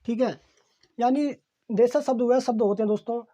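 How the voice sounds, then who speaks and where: A man's voice: very high-pitched, mellow. A male teacher giving an exam-prep grammar lesson, repeating key phrases and posing rhetorical questions that he answers himself, with frequent "okay, friends" fillers. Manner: fills pauses with "okay, friends".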